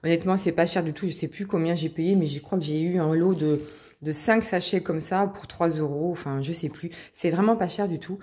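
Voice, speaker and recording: A woman hosting a craft tutorial, explaining casually with many pauses and restarts. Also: lowish voice, dark tone. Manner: chatty, many hesitations and restarts.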